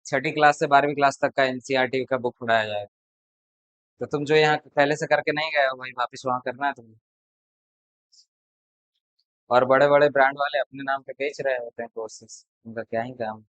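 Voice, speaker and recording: Male coaching tutor, mid-pitched, blunt and chatty with students, dry close sound. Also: fairly even intonation, fast, fairly bright tone, no room sound, poor audio. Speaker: math tutor. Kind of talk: casual classroom talk to students.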